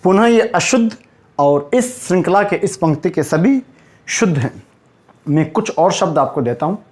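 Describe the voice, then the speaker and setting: A man teaching Hindi spelling to exam students at a whiteboard. He asks his own questions, answers them, and repeats each word slowly so it sticks. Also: high voice, animated, darkish tone. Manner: calls listeners "sir" and "buddy" in a friendly way.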